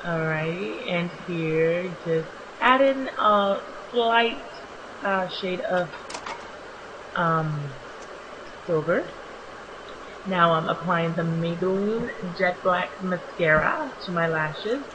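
A young woman who makes beauty videos talks through a makeup routine from her small bathroom at home, sounding easygoing and conversational. Fresh out of bed, her fairly low voice carries a slight rasp, with ums dropped into the gaps, and noticeable hiss sits under the audio.

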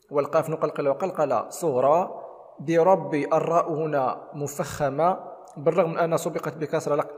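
A man's voice: fairly high pitch, darkish tone, in a large hall. A man teaching Quran recitation rules, explaining each rule methodically step by step. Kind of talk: tajweed lesson with demonstrations.

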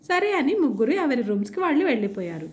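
A woman narrating an audiobook story in an expressive, lively reading style. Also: high voice, fast.

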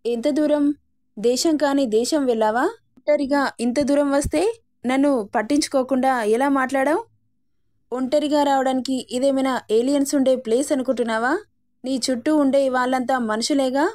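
A woman reading a storybook aloud, voicing a quick-tempered young wife who scolds her husband. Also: high-pitched, fairly even intonation, a little mellow, close to an everyday voice. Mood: hurt. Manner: indignant, scolding.

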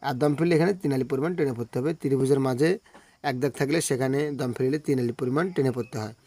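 A man teaching Quran reading, spelling out each syllable and then chanting the joined words in long, drawn-out tones. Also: mid-range voice, dark tone.

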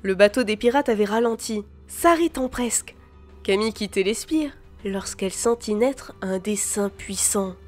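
A woman reading a fantasy novel aloud as an expressive storybook narrator. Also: medium pitch, normal speed. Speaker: audiobook reader. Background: soft background music.

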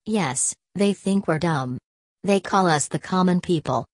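A woman's voice: fairly low pitch, measured pace, dry recording. Woman reading a young man's rousing speech. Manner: oratorical, building rhetoric. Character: nervous young male speaker rousing a crowd.

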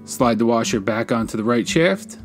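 A man, a woodworking channel host, giving calm, measured step-by-step voice-over instructions. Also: mid-range voice. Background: faint guitar music.

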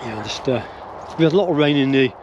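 This older English vlogger talks while walking his dogs on a woodland path, musing and hesitant, with plenty of fillers and false starts in his rambling opinions. His mid-range voice has lively intonation and a quick pace. Recorded close on a phone or camera at arm's length, the audio lacks high frequencies and has a noisy background.

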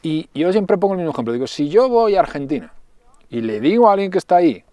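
A man's voice: fairly high pitch, sing-song, quick pace, mellow, no room sound. Man explaining ideas, dry close sound. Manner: thoughtful, explains points with examples. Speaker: social entrepreneur guest. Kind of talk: casual conversation.

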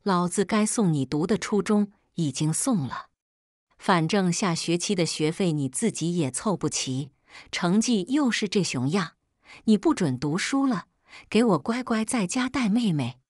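A woman's voice: lowish voice, animated, a little slow, darkish tone, no echo, studio quality. A woman reading as a harsh, cutting father. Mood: angry. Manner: cold, cutting. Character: harsh angry middle-aged father.

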